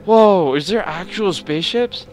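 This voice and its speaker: A young man playing a horror game, swearing, panicking and yelling at what chases him. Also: high-pitched, animated, unhurried, background noise. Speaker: gameplay streamer.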